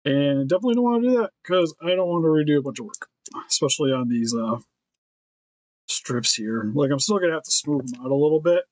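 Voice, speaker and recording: Man, fairly high voice, dry close sound, easygoing work-along chat, thinks aloud. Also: quick pace, dry recording. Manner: relaxed, thinking aloud while sculpting. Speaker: figure customizer.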